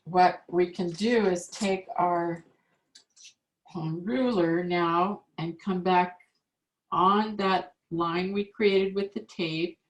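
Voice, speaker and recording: Slow, patient woman teaching calligraphy. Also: on the low side. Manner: slow, patient step-by-step instruction. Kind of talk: online art class demonstration. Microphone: video call. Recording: echoey room on a video call.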